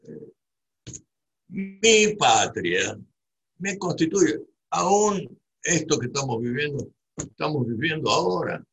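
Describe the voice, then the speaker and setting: This is a rough recording of an Argentine man from Buenos Aires with a medium-pitched, somewhat bright voice and a breathy edge. Speaking with a Rioplatense accent, he wanders reflectively, restarting his thoughts and tossing in tag questions.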